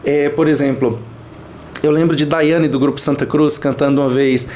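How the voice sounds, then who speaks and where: A man's voice: a little high, steady tone, moderate pace, darkish tone. A man reflecting in a podcast conversation, hesitant and searching for words.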